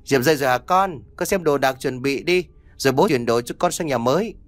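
A man's voice: medium pitch, fairly quick, no echo, close to an everyday voice. A man reading the lines of a cheerful, doting middle-aged father in an audiobook, talking in a chatty, fatherly way.

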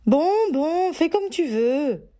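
A woman voicing a fussy middle-aged mother witch who protests in a high, insistent voice. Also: lively intonation, takes it slowly, warm tone. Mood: protesting.

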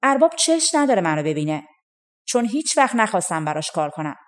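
A woman's voice: medium pitch, very animated, close to an everyday voice. A wise old talking cow, as a woman reads it. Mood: confiding.

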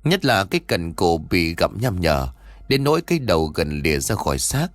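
A man's voice: low voice, moderate pace, no room sound. A man narrating a scripted horror story and voicing its characters himself. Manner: lively, voices the characters' dialogue himself.

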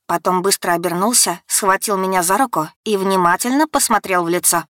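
A woman narrating a first-person audiobook in a steady, dramatic storytelling manner. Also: mid-range voice, a little fast, no echo, studio quality.

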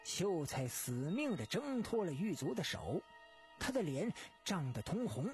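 A storyteller narrating a dramatic tale in an expressive, measured way. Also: medium pitch, soft background music.

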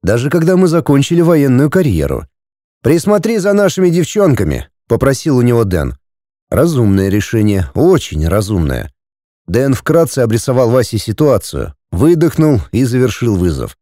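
A man's voice: mid-range voice, very animated, moderate pace, warm tone, no echo, clean studio sound. A man narrating a first-person audiobook in a tense, grim way.

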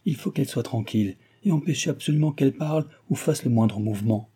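Man voicing a surgeon, calm and measured, husky. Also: mid-range voice, pitched above the performer's own voice, close to an everyday voice. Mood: reassuring. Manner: measured, reassuring. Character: calm, reassuring male surgeon.

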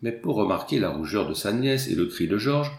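Expressive male audiobook narrator. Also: lowish voice, brisk, vocal fry. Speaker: audiobook reader. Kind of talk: scripted narration. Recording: echoey room.

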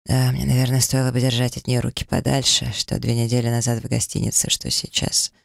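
Male audiobook narrator, gravelly and intense, dry close read. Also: medium pitch, little pitch movement, fast, dry recording. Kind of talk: first-person audiobook narration.

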